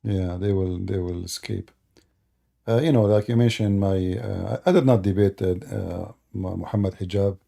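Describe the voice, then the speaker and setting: A man with a low, creaky, warm voice speaks at a moderate pace while hosting a casual live call-in stream. He talks emphatically in non-native grammar and laughs as he mocks his opponents.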